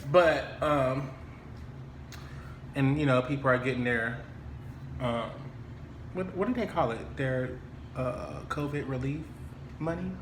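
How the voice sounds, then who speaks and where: A man's voice: medium pitch, slow, pauses often, a little hiss or hum. A man hosting a casual chat, joking and laughing often. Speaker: host. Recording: echoey room, faint ambience.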